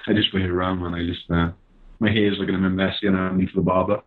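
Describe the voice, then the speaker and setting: A man's voice: low voice, little pitch movement, quick pace, phone-quality sound. A young man with a Welsh accent chatting as a guest over a video call, laid-back and hesitant, with many fillers. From Wales. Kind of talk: casual chat.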